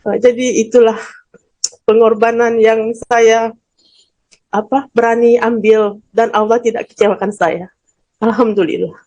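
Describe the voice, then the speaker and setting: Heartfelt woman with a high-set voice. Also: level tone, unhurried, pauses often, darkish tone, highs cut off. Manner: heartfelt and candid, with frequent fillers. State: emotional, close to tears at times. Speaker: forum panelist. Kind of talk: personal testimony at a religious forum.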